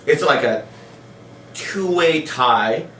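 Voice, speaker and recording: A man's voice: on the high side, animated, extremely slow, sharp tone, a little hiss or hum. A stand-up comedian with a slightly raised voice, telling loose and profane anecdotes. He sits back from the microphone in a reverberant room, so every word carries some echo. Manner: profane, rambling, laughing storyteller. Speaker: stand-up comic guest. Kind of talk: casual podcast storytelling. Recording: roomy sound from a distance.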